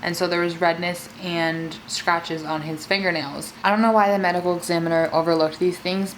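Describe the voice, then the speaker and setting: Speaking in a fairly low register, a woman hosts a mukbang and recounts a true-crime case in a loose, conversational way, leaning heavily on "like" and other fillers. There's slight background noise and the recording quality is poor.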